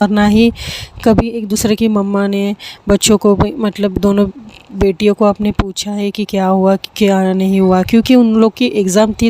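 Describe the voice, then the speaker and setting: A woman casually narrating a love story, unhurried, with frequent pauses and fillers. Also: mid-range voice, mellow.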